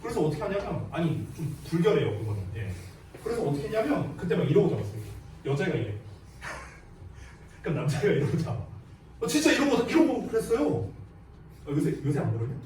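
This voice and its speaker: A man's voice: fairly high pitch, wildly swooping pitch, brisk, pauses often, a little mellow, recorded from a distance, slight background noise. A man in his thirties teaching a class, telling anecdotes and quizzing his students in a chatty, joking way. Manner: chatty, jokey, asks students questions. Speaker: English teacher. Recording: echoey classroom, voice from afar.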